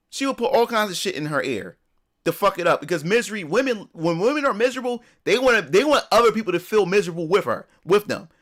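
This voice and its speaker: A man's voice: high-pitched, a bit bright. A man chatting casually on a live stream, ranting emphatically, swearing a lot and repeating words as he builds up steam.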